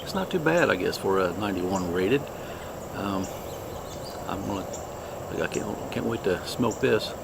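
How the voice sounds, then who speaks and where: A man hosting a casual product review, talking in an unhurried, halting, plainspoken way. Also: deep voice, animated, vocal fry, very noisy. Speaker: cigar review host.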